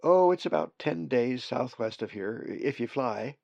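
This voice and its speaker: A man's voice: mid-range voice, lively intonation, a little slow, vocal fry, darkish tone, no room sound. A man voicing a friendly, welcoming female raven. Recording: dull dry lo-fi recording.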